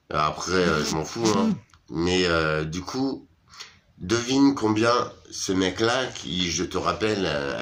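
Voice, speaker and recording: Deep-voiced, hesitant, tired man vlogging. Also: pushed and bright. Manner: hesitant, many fillers, slangy and familiar. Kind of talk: casual chat to followers.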